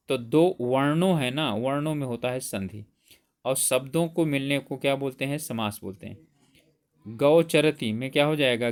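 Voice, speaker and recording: A man teaching for an exam, who explains step by step and asks and answers his own questions. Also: medium pitch. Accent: Hindi. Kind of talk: exam prep lecture.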